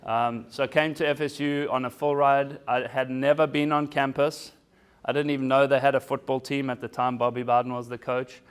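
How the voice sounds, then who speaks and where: A man's voice: medium pitch, flat delivery, a little fast, clean tone. A man in his forties from South Africa, giving a casual, self-deprecating motivational talk to a business audience. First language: German. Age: 40s. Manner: casual, self-deprecating, often asks "right?". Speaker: keynote speaker.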